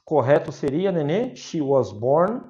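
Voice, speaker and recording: A man's voice: fairly high pitch, big pitch swings, measured pace, mellow, dull audio. Brazilian man teaching English online. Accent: Brazilian Portuguese. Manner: explains patiently with examples. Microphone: video call.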